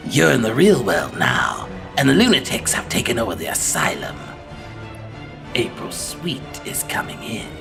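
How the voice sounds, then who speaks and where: A man voicing a manic, gleefully cruel clown villain in a comic-book drama, theatrical and mocking, jumping between whispers and shouts. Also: mid-range voice, huge pitch swings, unhurried, gravelly, over music, full character voice. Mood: triumphant, manic.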